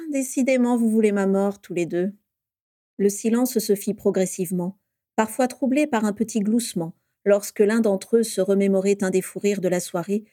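Calm, mellow woman narrator. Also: medium pitch, no echo, studio quality. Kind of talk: storybook reading.

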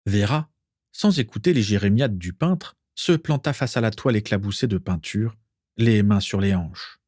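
Male audiobook narrator, dramatic, lively pitch, dry close sound. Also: moderate pace, no echo. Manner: expressive, dramatic storytelling. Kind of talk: audiobook reading.

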